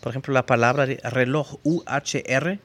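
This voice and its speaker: A man's voice: mid-range voice, slight background noise. Man carefully teaching pronunciation. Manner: slow, careful demonstration of sounds and spelling. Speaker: language teacher. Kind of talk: explaining pronunciation to learners.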